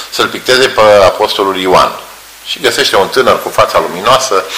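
A man's voice: sits low, slight background noise. A male preacher giving a sermon in a church hall, telling stories and acting out voices. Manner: animated storytelling, acts out voices. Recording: roomy echo.

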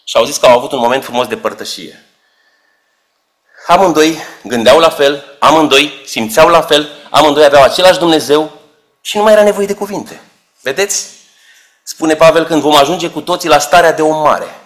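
A man preaching a sermon, explaining scripture with rhetorical questions and shifting emphasis. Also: a little high.

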